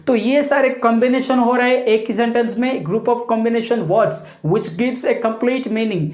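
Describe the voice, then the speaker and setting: A woman teaching English grammar in a video lesson, reading English definitions slowly and explaining quickly in Hindi. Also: a little high, a little mellow, roomy sound.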